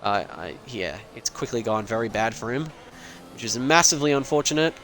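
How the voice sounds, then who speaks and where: A man's voice: medium pitch, lively intonation, fairly quick, fairly bright tone, a little hiss or hum. A young man giving loose, rambling live commentary on an online sim race, joking and swearing as he goes. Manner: casual, rambling, swears and laughs.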